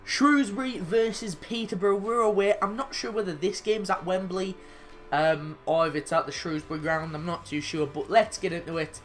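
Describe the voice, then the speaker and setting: Excitable swearing man commentating his own game. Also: high voice, normal speed, soft background music. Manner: excitable, swears, bursts into shouts at goals. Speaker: gaming YouTuber. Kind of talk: live football game commentary.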